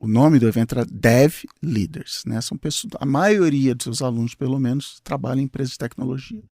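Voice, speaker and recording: A man's voice: medium pitch, brisk, creaky, mellow, dry recording, clean studio sound. A man with a Brazilian Portuguese accent hosting a podcast, telling stories animatedly and swinging into quoted voices. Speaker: podcast host. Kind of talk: podcast conversation.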